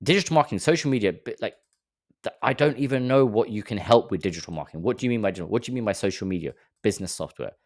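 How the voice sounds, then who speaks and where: Exasperated low-voiced man giving advice. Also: lively intonation, very fast, a little mellow, no echo, clean studio sound. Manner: exasperated, mocking, stumbles over repeated words. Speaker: marketing advice creator. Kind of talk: casual talking-head advice.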